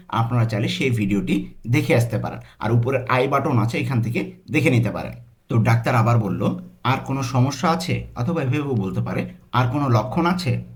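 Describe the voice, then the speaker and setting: Bangladeshi man teaching language slowly. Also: medium pitch. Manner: slow, drawn-out pronunciation of example phrases; repeats and breaks phrases into parts. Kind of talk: language lesson.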